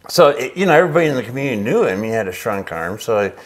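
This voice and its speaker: A man's voice: mid-range voice, very animated, rapid-fire. An older man, a missionary who grew up in Chile, telling his story in a casual interview and acting out his own reactions with laughs. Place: indoor workshop with a pegboard wall. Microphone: lapel mic.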